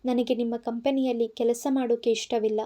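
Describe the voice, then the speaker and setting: Young female assistant, anxious, defiant, rapid bursts, soft dark tone, woman reading it. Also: on the high side, level tone, close to an everyday voice. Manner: rapid pleading speech.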